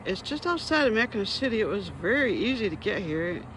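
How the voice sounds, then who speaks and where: Higher-voiced man in his fifties vlogging. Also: sing-song, fairly quick, pushed and bright, a little hiss or hum, poor audio. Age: 50s. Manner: chatty, plain-spoken, with frequent ums and restarts. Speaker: travel vlogger. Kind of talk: casual travel vlog narration. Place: outdoors at a lighthouse.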